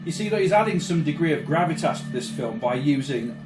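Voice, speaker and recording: A man's voice: fairly high pitch, expressive, quick pace, roomy sound, music in the background, low-quality recording. A man co-hosting a casual chat that mocks a film, talking in a blunt, sweary, scornful way. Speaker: co-host.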